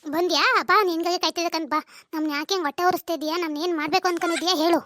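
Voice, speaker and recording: A woman's voice: very high voice, steady tone, rapid-fire, a bit bright. A woman voicing a resentful young wife in a cartoon drama, with a North Karnataka Kannada accent, accusing and nagging her husband. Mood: bitter nagging. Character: young sharp-tongued wife, resentful and bitter.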